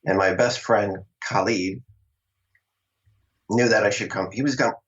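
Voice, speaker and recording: His voice fairly low, steady and fairly bright, a middle-aged Long Island actor unhurriedly shares stories of his acting start as an interview guest. The talk is casual and chatty with frequent laughter, though the recording is dull and lo-fi.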